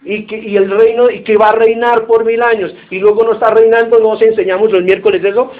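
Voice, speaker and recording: A man preaching a sermon, telling anecdotes in an animated way and acting out the quotes. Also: high-pitched, brisk. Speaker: pastor. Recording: tinny phone-like audio with faint hiss.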